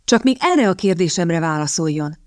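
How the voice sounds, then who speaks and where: A woman reading the lines of a sharp-witted, impatient young woman in an audiobook, speaking in a pointed, indignant way. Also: lowish voice, expressive, no echo, studio quality, lightly acted. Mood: pressing.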